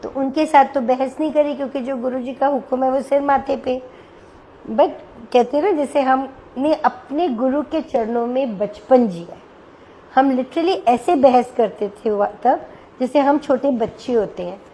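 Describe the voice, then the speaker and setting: Older woman, devotional storyteller, higher-pitched and mellow, acts out the dialogue with feeling. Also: measured pace, slight background noise, poor audio. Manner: emotional storytelling, acting out dialogue. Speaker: devotee sharing a personal story.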